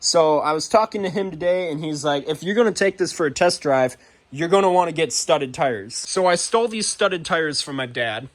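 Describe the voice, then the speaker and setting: A young man in his garage, chatting casually about his car build with lots of fillers and a self-deprecating, excitable manner. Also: a little high, moderate pace. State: out of breath. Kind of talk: casual vlog narration.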